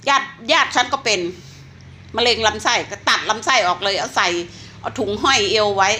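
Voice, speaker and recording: A woman's voice: on the high side, sharp tone. A woman in her sixties chatting persuasively to viewers while selling a health product. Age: 60s. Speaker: online seller. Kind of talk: casual live-selling chat.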